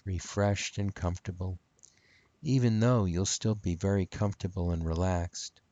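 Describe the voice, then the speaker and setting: Slow, deep-voiced man guiding hypnosis. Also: dark tone, no echo, lo-fi sound. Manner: soothing, repetitive, measured phrasing. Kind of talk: guided hypnotic relaxation.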